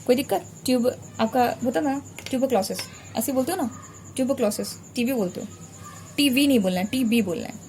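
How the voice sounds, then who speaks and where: Woman, biology teacher, board lesson, patient and repetitive drilling, mellow tone, light hiss. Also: fairly high pitch. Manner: patient, repeats terms to drill memory tricks. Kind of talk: whiteboard revision lesson. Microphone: recorded while drawing a diagram on a board.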